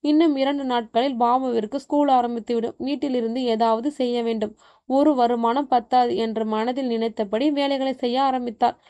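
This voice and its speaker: A woman reading a horror story aloud as a storyteller, in an even, measured way. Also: a little high, dull audio. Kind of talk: scripted horror story narration.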